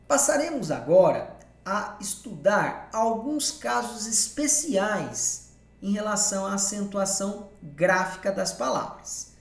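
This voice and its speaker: A woman teacher explaining grammar rules step by step, often checking that her students are following along. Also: medium pitch. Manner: patient, checks in with listeners often. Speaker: Portuguese teacher. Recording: echoey room.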